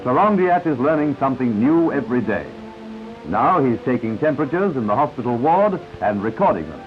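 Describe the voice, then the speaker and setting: A man's voice: medium pitch, sing-song, fairly quick. A man narrating an old 1950s newsreel in a confident announcer style, with asides to the viewer. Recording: dull lo-fi 1950s newsreel soundtrack. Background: newsreel music.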